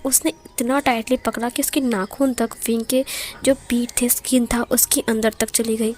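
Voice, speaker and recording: A woman's voice: a little high, fairly even intonation, normal speed, a little mellow. A woman narrating a romance story in a casual, conversational way, dropping in English words. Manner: conversational, mixes English words, some stumbles.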